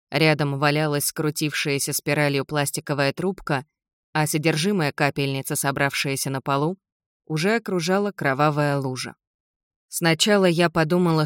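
A woman narrating an audiobook in the first person, in an even, measured storytelling voice. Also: sits low, no echo, studio quality.

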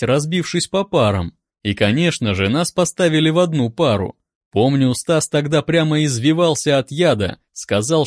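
A man calmly reading a first-person audiobook in an even, wry manner, close to a studio mic. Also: on the high side, dry recording. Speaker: audiobook narrator.

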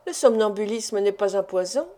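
A woman's voice: medium pitch, expressive, moderate pace, warm tone, natural voice. A woman reading the lines of a grown man, an anxious and suspicious doctor who presses his wife with questions. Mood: insistent.

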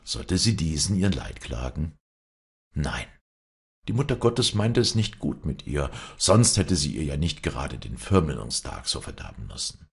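A man reading an audiobook in an expressive storytelling manner. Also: extremely low pitch, measured pace, gravelly, slightly rough. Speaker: narrator.

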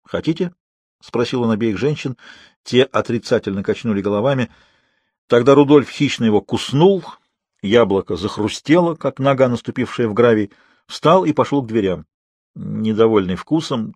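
Husky male audiobook reader, measured, dry close sound. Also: on the low side, darkish tone, no echo. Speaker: audiobook narrator. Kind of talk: scripted literary narration.

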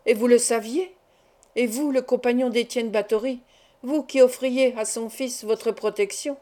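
A woman's voice: a little high, dark tone, close to an everyday voice. A woman reading an anguished young man.

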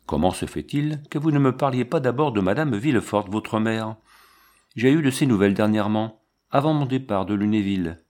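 A man's voice: fairly low pitch, lively intonation, fairly quick, a little mellow, close to an everyday voice. A man reading the part of a stern, aloof army captain in his thirties, in a curt, commanding manner for an audiobook. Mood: probing.

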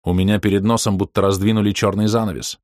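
A man narrating an audiobook in the first person, in a steady, measured reading voice. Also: lowish voice, dry recording, clean studio sound.

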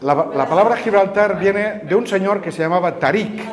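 A man with a Canarian Spanish accent and a high voice, speaking at a moderate pace, gives a classroom talk on word origins to students in a large room. He patiently quizzes the crowd of listeners, whose lively noise surrounds him.

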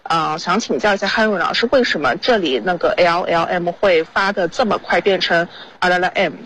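A man's voice: high-pitched, moderate pace, pushed and bright, slightly rough, poor audio. A man asking the hosts a question in a recorded message, explaining carefully and a little hesitantly.

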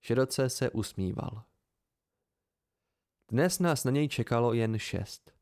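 A man reading an amateur audiobook in a steady, unhurried way. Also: medium pitch. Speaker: audiobook reader.

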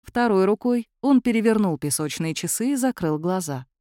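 A woman reading a story aloud as a narrator, in an expressive storytelling manner. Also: medium pitch, moderate pace, dry recording, clean studio sound. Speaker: audiobook narrator. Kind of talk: scripted narration.

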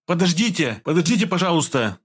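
A composed young heroine with a raised, lighter pitch, as a male audiobook narrator puts her on. She speaks in steady, firm commands and stays calm under pressure, storybook narration style. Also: a little fast, breathy edge. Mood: feigned plea.

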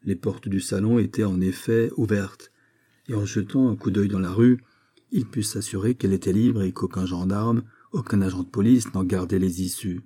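Low, husky male audiobook narrator. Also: fairly even intonation, dark tone. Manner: measured, storytelling. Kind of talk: audiobook narration of a 19th-century short story.

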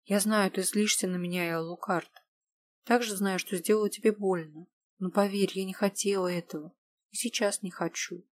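A woman reading as a gentle pleading young woman. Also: medium pitch, steady tone, moderate pace, dry recording, close to an everyday voice. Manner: pleading, earnest.

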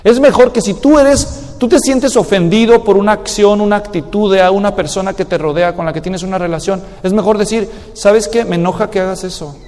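A male pastor preaching a sermon in an animated way, acting out quoted people as he goes, recorded in a church hall with a long echo. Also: sits high, a little fast. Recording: long reverb of a large hall.

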